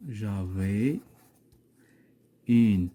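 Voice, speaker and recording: A male teacher with a Moroccan accent leads a classroom poetry lesson. He speaks slowly and patiently, repeating and correcting his pupil's answers. His voice is very dark and a little husky. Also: fairly low pitch.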